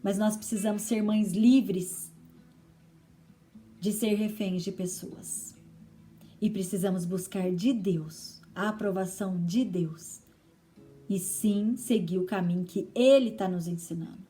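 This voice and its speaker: A woman's voice: mid-range voice, fairly even intonation, takes it slowly, mellow, soft background music. A woman with a Brazilian Portuguese accent giving a conversational sermon to mothers, often checking in with her listeners. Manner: chatty teaching tone with frequent tag questions. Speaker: women's ministry preacher.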